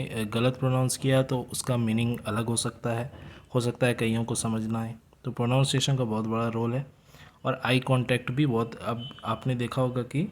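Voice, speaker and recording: Young guy going over class notes, casual lecture, slows right down to read the english bits, voice in the middle range. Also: medium pitch, a little mellow. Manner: reads English lines slowly, explains conversationally. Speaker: teacher explaining exam notes.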